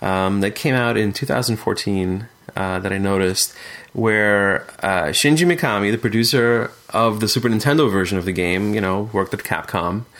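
A man's voice: fairly low pitch, normal speed, few pauses, a bit bright. A man co-hosting a casual podcast chat, talking thoughtfully with frequent fillers and restarts. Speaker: podcast co-host discussing retro games.

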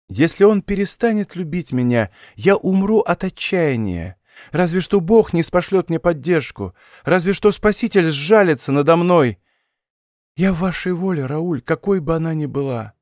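A man's voice: fairly high pitch, darkish tone, no echo, clean studio sound. A man voicing a desperate young noblewoman who pleads and implores in love, reading in an audiobook. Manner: tearful imploring, rising to cries.

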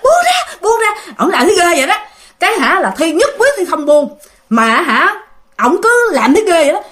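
Animated high-voiced Southern Vietnamese woman. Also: a little fast. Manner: animated, talks straight to listeners. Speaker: ghost storyteller. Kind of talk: casual spoken storytelling.

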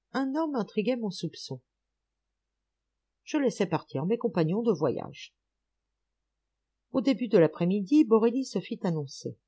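A woman narrating an audiobook in measured, literary phrasing. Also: on the low side, warm tone. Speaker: audiobook reader.

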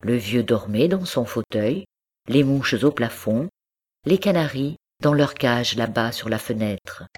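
A woman reading a classic story aloud as an audiobook narrator, in a measured, descriptive way. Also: extremely low pitch, animated, darkish tone, husky. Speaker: audiobook reader. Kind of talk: scripted narration.

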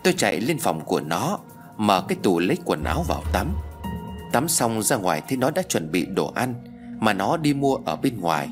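Lively low male storyteller. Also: normal speed. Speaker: audiobook narrator. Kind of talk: first-person storytelling. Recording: faint background music.

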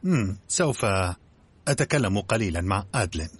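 A man voicing a hesitant, polite middle-aged colonel in an audiobook, flustered and mild, with a husky voice. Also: fairly low pitch, big pitch swings, moderate pace, heavily acted.

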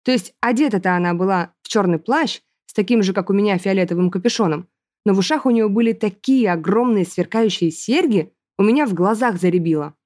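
A woman's voice: medium pitch, brisk, darkish tone. Woman narrating a fantasy audiobook.

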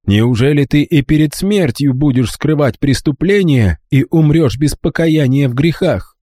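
A man's voice: a little high, measured pace, warm tone, no echo, clean studio sound, pitched above the performer's own voice. A man doing a stern noble count. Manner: stern, pleading, urgent.

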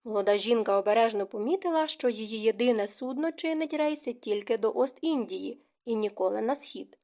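Woman narrating an audiobook, fairly high voice. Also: expressive, brisk, darkish tone. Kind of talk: scripted narration.

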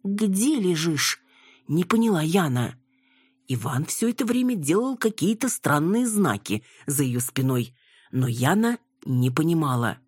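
Audiobook narrator, woman, low voice, very lively pitch, expressive reading. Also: normal speed, husky, no room sound, studio quality. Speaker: audiobook reader. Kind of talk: scripted narration.

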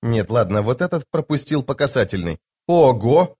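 A man voicing a sly, mocking female soldier in an audiobook, speaking low and quiet. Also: big pitch swings, moderate pace, slightly rough.

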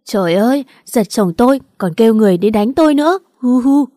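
A shrill, sobbing young woman who plays the victim, wailing her complaints in a high voice, as a female reader puts her on. The voice is warm and close, recorded dry for a storybook audiobook. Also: lively intonation, fast talker, no room sound. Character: whiny pregnant young woman, spiteful bully.

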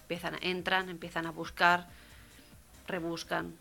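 A woman, a radio comedy co-host telling jokes in a lively, chatty way. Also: on the low side, unhurried, creaky, soft background music. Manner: lively, chatty joke-teller.

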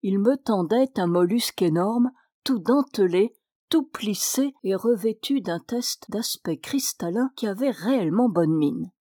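A woman reads a classic tale aloud, expressive and measured. Her voice sits in a middle register, recorded dry and close with no room sound. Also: mid-range voice, no room sound. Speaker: reader. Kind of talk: audiobook narration.

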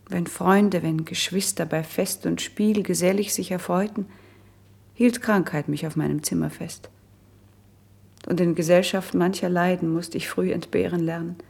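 In a classical verse radio drama, an actress plays a young princess, melancholy and resigned, who has been sickly since youth. Her female voice is lowish and heavily acted, with a breathy, husky, hushed and measured delivery.

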